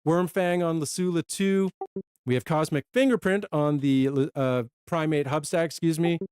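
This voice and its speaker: A man co-hosting a casual product live stream, chatty and quick, sometimes short of breath. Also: a little high, a little mellow, clean tone, no room sound, studio quality. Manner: chatty, talks fast and runs out of breath.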